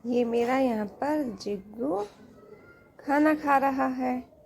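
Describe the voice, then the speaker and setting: A woman's voice: high-pitched, slow pace, gravelly, darkish tone. A woman casually vlogging as she feeds her birds and pets outdoors, talking to them in a fond, coaxing way. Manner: fond, coaxing talk to animals. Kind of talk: casual vlog commentary. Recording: noisy outdoor ambience.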